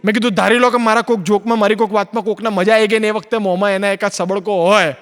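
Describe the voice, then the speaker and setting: A man doing stand-up comedy in a large hall, his voice ringing out with a long echo. He talks quickly and sits high in his range, switching between himself and the other people in his stories as he tells them. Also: steady tone, a bit bright. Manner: acts out both sides of dialogues in his stories. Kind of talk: stand-up storytelling on stage. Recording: long hall reverb from an auditorium.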